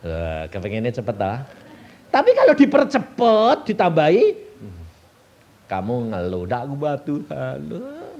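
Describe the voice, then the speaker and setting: A man's voice: a little high, a little mellow, dull audio. A male evangelist with a Javanese Indonesian accent, preaching a folksy sermon and answering his own questions. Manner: folksy, asks the congregation questions and answers them himself.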